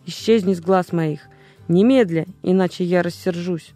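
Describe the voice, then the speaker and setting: Female reader playing a commanding chief witch, stern and booming, soft music behind. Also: normal speed, lightly acted.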